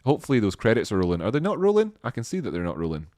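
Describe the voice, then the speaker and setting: A man's voice: mid-range voice, huge pitch swings, rapid-fire, a little mellow, no room sound, studio quality. A man hosting a live stream, casually thanking viewers by name in a rambling, self-deprecating way with many restarts.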